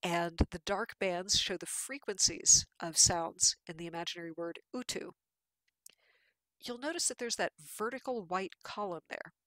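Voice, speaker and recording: A woman's voice: lowish voice, moderate pace, fairly bright tone, no echo. A woman giving a patient, explanatory lecture with slides, with fillers and restarts.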